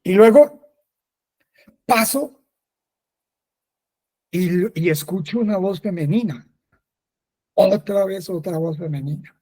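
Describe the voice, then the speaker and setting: A man's voice: sits high, a little mellow. A man, a friar, telling a personal testimony in a conversational catechesis, repeating phrases and often affirming himself.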